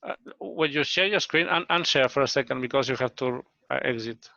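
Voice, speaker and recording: A man's voice: medium pitch, fairly quick, vocal fry, pushed and bright. A man on a video call explaining step by step how to share the screen, restarting his phrases as he goes. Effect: heard over a video call. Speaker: meeting participant giving tech help. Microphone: computer mic on a video call. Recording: dull lo-fi video call audio.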